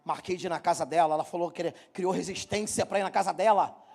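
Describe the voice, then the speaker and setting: A middle-aged man from Brazil preaching to his congregation, telling a funny personal story in a joking, animated way and speaking straight to the people. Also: high-pitched, fast, creaky. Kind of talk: humorous sermon storytelling. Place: church hall.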